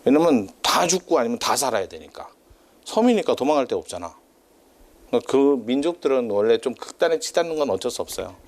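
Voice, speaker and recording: A man's voice: mid-range voice, sing-song, a little fast, a little mellow. A man giving a casual classroom lecture, chatty and teasing, drifting into tangents and laughing often.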